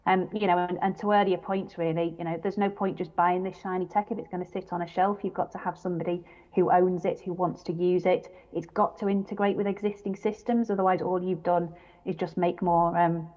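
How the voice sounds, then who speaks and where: A woman's voice: lowish voice, a little mellow. A woman speaking on a legal panel in a loose, conversational way, leaning on fillers like "kind of" and "you know". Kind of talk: panel discussion. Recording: muffled reverberant conference hall.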